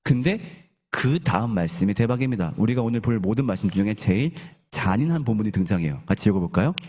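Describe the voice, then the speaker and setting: Lively husky-voiced male preacher. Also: on the low side, quick pace. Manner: questions the congregation and leads group Bible reading; conversational, animated storytelling. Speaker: pastor. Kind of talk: sermon.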